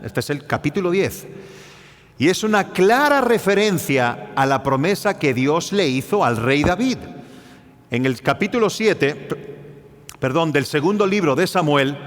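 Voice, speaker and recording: A man preaching a sermon, explaining a passage and acting out cries with rising intensity. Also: on the high side. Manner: animated, acts out biblical cries with rising intensity. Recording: church hall with long reverb.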